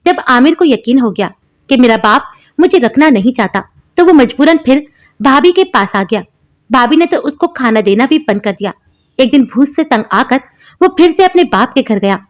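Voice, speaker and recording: Woman with a slightly high voice telling a story. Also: animated, moderate pace. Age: young adult. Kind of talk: first-person story narration.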